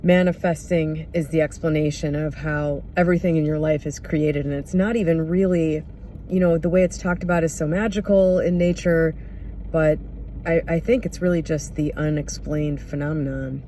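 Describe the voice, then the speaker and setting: Casting: mid-pitched voice for an unscripted reflective monologue, candid, hesitant, casual, with faint vehicle-like noise behind. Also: fairly even intonation, moderate pace, mellow. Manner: candid, hesitant, searching for words. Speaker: podcast or vlog host.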